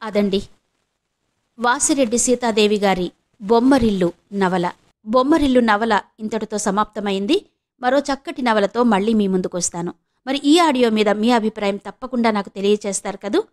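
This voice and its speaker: A woman from Visakhapatnam narrating an audio novel in a steady, measured storytelling manner. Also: mid-range voice. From Visakhapatnam, India. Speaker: audiobook narrator and channel host.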